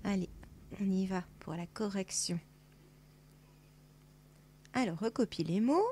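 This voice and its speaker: A woman's voice: mid-range voice, slow pace, warm tone, slight background noise. A woman primary school teacher talking a young pupil through worksheet exercises, patient and sing-song, drawing words out for a child.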